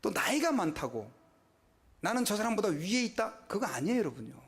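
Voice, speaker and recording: Man, middle-aged, pastor, sermon in a church, rhetorical questions, a bit high-pitched. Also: sing-song, a little fast, creaky, fairly bright tone, slightly rough. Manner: conversational preaching with rhetorical questions and mock quotes.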